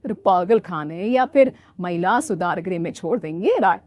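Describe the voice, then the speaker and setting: A woman's voice: on the low side, animated, normal speed, darkish tone, no room sound, clean studio sound, pitched below the performer's own voice, lightly acted. A woman voicing an officious busybody neighbour in a cartoon story, matter-of-fact and meddling.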